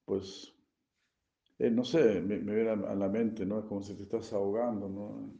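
Male swami lecturing scripture, low gravelly voice, gentle explainer who keeps checking in; dull echoey room recording. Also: flat delivery, measured pace. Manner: explains gently with frequent tag questions, chuckles at own jokes. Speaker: swami giving a scripture class. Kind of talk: sermon.

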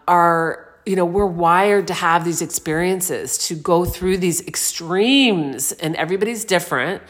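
Low-voiced woman musing earnestly. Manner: meandering and earnest, with frequent restarts; soft-spoken spiritual vocabulary. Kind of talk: personal reflective monologue.

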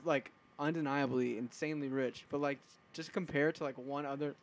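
A man's voice: medium pitch, fairly even intonation, brisk. A young man on a podcast, talking hesitantly with many fillers. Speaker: podcast guest. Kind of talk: casual chat.

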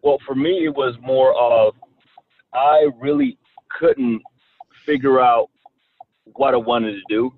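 A man's voice: medium pitch, sing-song. Man with a slight Southern twang, tinny line. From Rwanda. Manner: halting, repeats words often. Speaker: guest. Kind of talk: casual interview talk. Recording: tinny phone-like line, faint noise.

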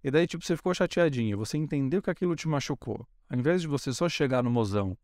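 A man's voice: medium pitch, animated, fast, darkish tone, dry recording, clean studio sound. A young Brazilian man with a Brazilian Portuguese accent, hosting a casual solo podcast and chatting freely, often acting out bits of dialogue in playful voices. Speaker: podcast host.

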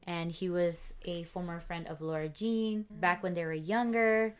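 A woman's voice: on the low side, steady tone, measured pace, smooth. A young woman co-hosting a podcast, chatting casually about a book and its film, with lots of fillers and restarts. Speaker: podcast co-host.

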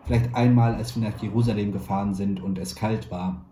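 A man voicing an elderly grandmother who speaks loudly on a long-distance phone call. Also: fairly low pitch, fairly even intonation, fairly quick, slight background noise, lightly acted. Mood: eager. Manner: loud, repeating herself on a bad line. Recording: roomy echo.

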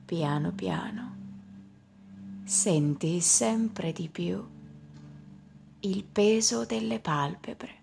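A woman leading a guided meditation in a slow, soft voice that often drops into a whisper. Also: medium pitch, vocal fry, slight background noise.

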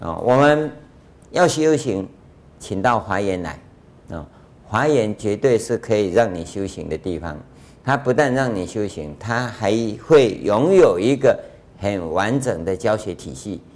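An older man gives a Buddhist dharma lecture in a conversational way, full of rhetorical questions and drawn-out filler sounds. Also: on the low side, lively intonation, darkish tone. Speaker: Buddhist master giving a lecture.

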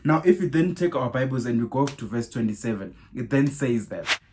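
A man's voice: mid-range voice, a little fast, slight background noise. Man preaching, fired-up and repetitive. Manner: rhetorical questions, keeps saying "guys" and "right?"; animated, raises voice on Bible quotes. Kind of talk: podcast sermon.

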